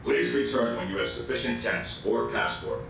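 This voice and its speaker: Robot security guard, filtered and officious, a roomy far-off sound over loud game music. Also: male voice, on the low side, normal speed, vocal fry. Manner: flat, officious, recites rules. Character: stern male robot security guard at a gate. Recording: echoey, distant game audio with loud music.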